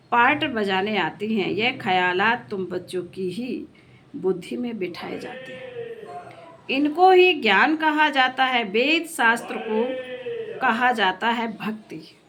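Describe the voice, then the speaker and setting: A woman's voice: a little high, fairly bright tone, a little hiss or hum. A woman teaching a spiritual class, explaining a scripture reading in an earnest sermon and asking her listeners questions.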